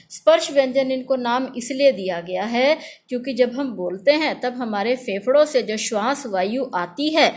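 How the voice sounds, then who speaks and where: A middle-aged woman teaches a grammar lesson in a fairly high voice. She drills the letters one by one, loud and slow, so her pupils can repeat after her. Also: slight background noise.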